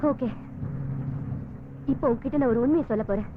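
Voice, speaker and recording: A woman's voice: a little high, fairly quick, heavy background noise, lightly acted. An actress in a film scene, playing an older woman who scolds a young man for his obsessive love. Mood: scornful. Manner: scolding, exasperated. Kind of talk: film dialogue. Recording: phone-like film audio with music.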